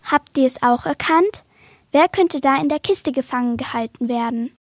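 A woman reading out quiz questions in a clear, instructive way. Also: high voice, normal speed, a little hiss or hum. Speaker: quiz presenter.

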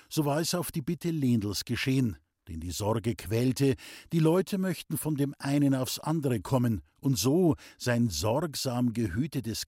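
A man reading a novel aloud as an audiobook narrator, calm and even. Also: mid-range voice, breathy edge, no echo, studio quality. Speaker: audiobook reader. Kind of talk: scripted narration.

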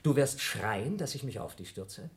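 An actor in a radio play playing a paranoid scientist who coldly accuses his crewmate and then rises to shouts. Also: medium pitch, lively intonation, moderate pace, lightly acted. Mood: cold accusing. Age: younger than Mills. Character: Blob, paranoid scientist man feuding with crewmate. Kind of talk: German radio play acting.

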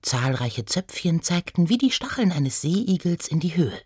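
A woman reading a children's story aloud as narrator, in a slow, lively storytelling manner. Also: on the low side, breathy edge, dry recording, studio quality.

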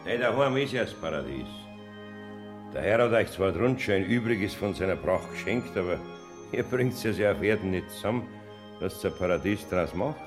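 An actor playing a genial old Saint Peter in a radio play, with a Bavarian accent and a jovial, gently lecturing manner. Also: male voice, low-pitched, expressive, normal speed. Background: music.

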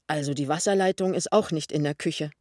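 Storybook young husband, nervous and hurried, plain dry voice, read by a man. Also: on the high side, a little mellow, no echo, close to an everyday voice. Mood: worried. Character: young man, anxious, hasty, embarrassed.

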